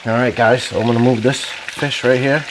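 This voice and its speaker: Male cooking vlogger, mid-pitched, chatty and folksy, recorded over clearly audible frying with an uneven mic level. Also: steady tone, moderate pace, noisy background. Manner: folksy, chatty, addresses viewers as guys. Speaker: cooking vlog host. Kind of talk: casual cooking vlog, talking while frying. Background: sizzling oil in a frying pan.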